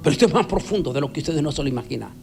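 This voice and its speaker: Male evangelist, fiery sermon delivery, repeats key words, slightly raised pitch. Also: lively intonation, very fast, gravelly, over music. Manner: emphatic, repeats words for stress. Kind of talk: preaching sermon.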